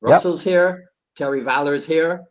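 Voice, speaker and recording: A podcast host from Barbados runs a casual live-stream chat in a voice on the high side. He is jokey, laughs easily, and tends to repeat words as he talks.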